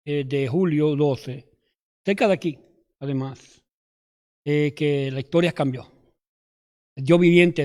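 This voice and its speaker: A man from New York with a New York Spanish accent, giving a nervous, halting personal testimony in church. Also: fairly high pitch, dark tone.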